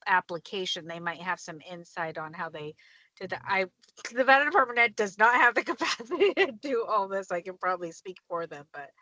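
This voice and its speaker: A woman speaking at a council meeting over a call from her car while driving, apologetic and quick to clarify herself. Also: mid-range voice, animated, bright, forceful tone, no echo, low-quality recording. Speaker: state senator on a council call. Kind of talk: meeting discussion.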